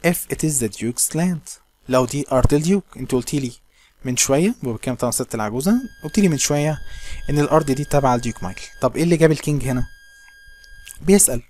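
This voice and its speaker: A man with an Egyptian accent who teaches by reading passages of a novel slowly and then explaining them casually in colloquial speech. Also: medium pitch, a little mellow, a little hiss or hum.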